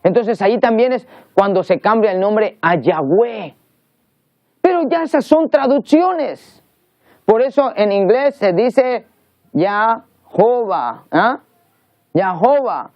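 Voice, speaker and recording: A man's voice: sits high, expressive, unhurried, dry recording. A man preaching a teaching sermon, explaining earnestly and repeating words as he searches for the next one. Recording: dull lo-fi sound.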